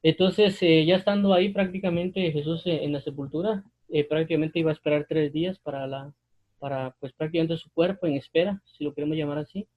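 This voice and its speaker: A man giving an unscripted Bible commentary, pausing often with fillers and restarts as he explains a passage. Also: on the high side, steady tone, highs cut off. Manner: hesitant, many fillers and restarts. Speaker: Bible teacher.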